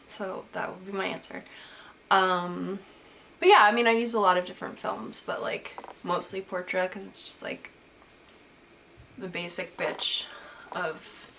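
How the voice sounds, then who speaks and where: A woman's voice: mid-range voice, takes it slowly, gravelly, pauses often, bright, forceful tone, slight background noise. A young woman with a stuffy voice, just getting over an illness, answering viewer questions about photography in a casual vlog, full of "like" and restarts. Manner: rambling, lots of "like" and restarts. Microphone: camera's built-in mic.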